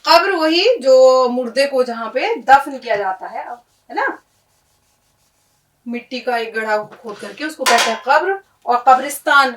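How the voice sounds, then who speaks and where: A woman's voice: high voice, far from the mic, poor audio. A woman teaching Urdu pronunciation, patiently explaining each word and checking in with her listeners.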